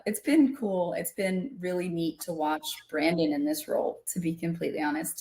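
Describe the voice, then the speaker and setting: A woman in her forties, a podcast guest chatting casually and warmly, animated and quick with asides, laughing often. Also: lowish voice. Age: 40s. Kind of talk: casual chat.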